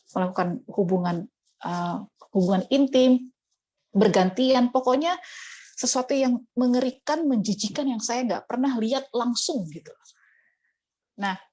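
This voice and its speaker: Woman evangelist, husky voice, dramatic storytelling, sermon testimony. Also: mid-range voice, darkish tone. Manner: dramatic storytelling, cries out in quoted prayers.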